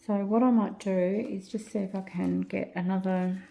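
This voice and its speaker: A woman hosting a craft tutorial, chatting to herself as she works and often dropping into soft whispers. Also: mid-range voice, steady tone, normal speed, gravelly. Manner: chatty, talks to herself while working, drops into soft whispers. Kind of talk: casual craft tutorial narration.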